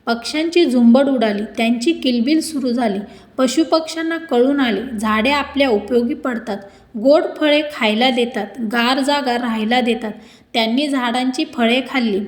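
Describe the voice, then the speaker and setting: High-voiced woman reading a children's story. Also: echoey room. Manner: clear, expressive storytelling. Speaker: narrator. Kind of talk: reading a school textbook story aloud.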